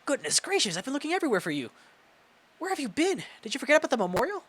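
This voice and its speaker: A woman's voice: sits high, sing-song, very fast, voice pushed up. A man voicing a flustered older woman principal in a game, fussy and scolding.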